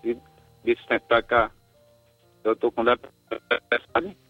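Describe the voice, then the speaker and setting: A man from Rio Grande do Norte, calling in, halting and hesitant, his phone line breaking up with choppy buffering stutters. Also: mid-range voice, completely flat delivery, soft background music. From Rio Grande do Norte, Brazil. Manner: halting, hesitant, repeats words. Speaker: caller. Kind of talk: call-in conversation with a priest. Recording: tinny dry phone line.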